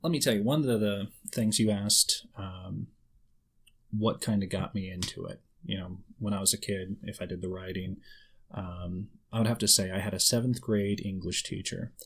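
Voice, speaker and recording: A man's voice: lowish voice, fairly even intonation, normal speed, breathy edge. A man in his thirties, a writer, talking casually in a conversation, rambling and often repeating words as he starts a thought. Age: 30s. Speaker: guest writer.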